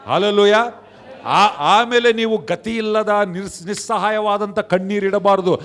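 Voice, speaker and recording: A male pastor with a Kannada accent, preaching a sermon in church with loud hallelujah shouts and quick asides. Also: high-pitched.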